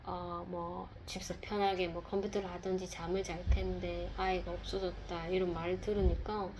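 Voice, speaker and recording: A woman sharing a personal testimony in a casual, reflective way, speaking softly with pauses and fillers. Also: fairly low pitch, level tone, a little hiss or hum.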